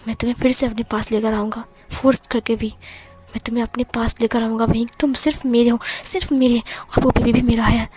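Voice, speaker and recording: A man's voice: very high voice, little pitch movement, fairly quick, darkish tone, soft background music. Woman voicing an emotional young husband. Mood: possessive. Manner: pleading, emotional outbursts. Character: anguished possessive young husband, new father.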